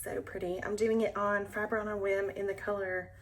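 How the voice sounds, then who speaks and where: A cross-stitch channel host from Alabama, US, chats casually and enthusiastically about her projects in a show-and-tell video, sometimes dropping to a near whisper. Her voice is mid-range, fairly quick, with little pitch movement.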